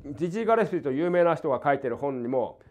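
An older man from Hokkaido with a light Hokkaido accent, teaching jazz guitar in a casual, animated way and acting out rhythms and quoted voices. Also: on the high side, very fast. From Hokkaido, Japan. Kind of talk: casual spoken lesson. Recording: dull lo-fi recording.

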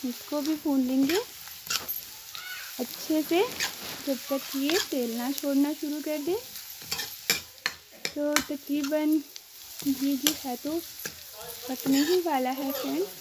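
Slow, high-voiced woman cooking vlogger. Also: fairly even intonation, heavy background noise. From Himachal Pradesh, India. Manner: slow, chatty, addresses viewers as friends. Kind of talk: casual cooking narration. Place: home kitchen at a stove. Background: sizzling and stirring in a pan.

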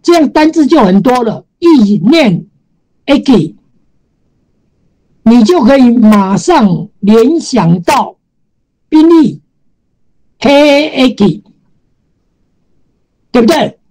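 A woman's voice: on the high side, very animated, slow, pauses often, mellow, low-quality recording. A woman teaching a Japanese grammar class in Taiwanese Mandarin, explaining patiently and repeating key terms. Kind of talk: classroom lecture.

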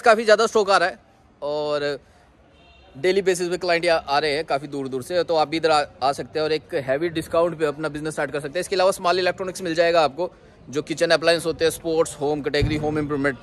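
A man in his thirties from India talks straight to his phone camera while he tours a busy warehouse yard. His voice sits a little high for a man, and his delivery is a quick, friendly sales pitch that keeps calling out to the viewers. It has the loose, on-the-move sound of a handheld selfie video. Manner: brisk salesman pitch, addresses viewers as guys. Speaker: wholesale electronics seller, vlog host. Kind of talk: casual walk-through sales vlog. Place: large warehouse and loading yard, partly outdoors. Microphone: handheld phone selfie camera, moving around.

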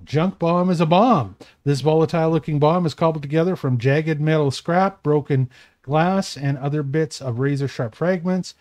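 A man's voice: a little high, darkish tone. Man running a tabletop game. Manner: casual, rambling with fillers. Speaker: game master.

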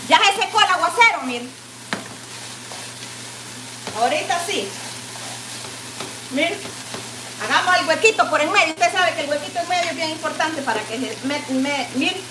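In her echoey home kitchen, over the noise of a sizzling, frying pan, a high-pitched Guatemalan Spanish-accented cooking vlogger chats affectionately as she cooks. She keeps saying "mire" and calls her viewers "mamayita."

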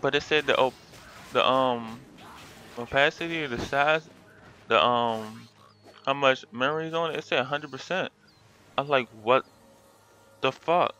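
A man's voice: mid-range voice, normal speed, pauses often, bright, forceful tone, a little hiss or hum. A man talking casually in a gaming commentary, sleepy from just waking up, rambling through his story with lots of fillers.

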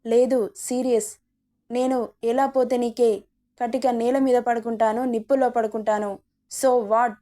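A woman voicing a proud young heroine in an audio story, sharp and scornful. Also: fairly high pitch, fairly even intonation, measured pace, natural voice.

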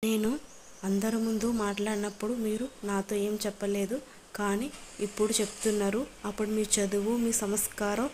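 A woman's voice: medium pitch, level tone, normal speed, darkish tone, slight background noise, natural voice. A woman reading a hurt, accusing young wife. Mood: reproachful. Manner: accusing, reproachful.

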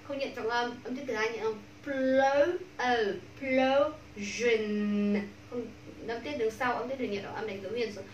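A Vietnamese woman teaching English pronunciation to a class, drawing out model words slowly and repeating them. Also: a little high, recorded from a distance, lo-fi sound. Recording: echoey room, voice from off mic, faint background hum.

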